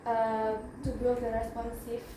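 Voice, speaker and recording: A young woman with an Indonesian accent gives a class presentation as a student, speaking in a fairly high voice. She is halting, often pausing to restart, filling gaps and correcting herself. She sounds far from the mic in a very echoey room with steady background noise.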